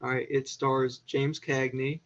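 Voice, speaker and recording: A man speaking as a podcast guest in a casual film chat, relaxed and measured, pausing between phrases. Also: mid-range voice, a little hiss or hum. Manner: relaxed, measured, with pauses and fillers. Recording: dull lo-fi sound.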